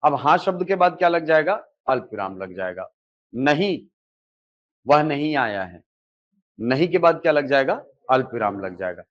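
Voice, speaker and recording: A man's voice: medium pitch, big pitch swings, normal speed. A male teacher giving a classroom lecture, asking questions and answering them himself, often checking in with "okay". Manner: repeats key terms with "ठीक है". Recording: dull lo-fi recording.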